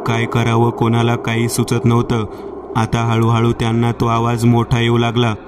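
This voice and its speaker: A male storyteller reading a horror tale in a steady, unbroken delivery. His voice sits at a middling pitch and stays remarkably flat, with almost no melody. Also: normal speed, very noisy.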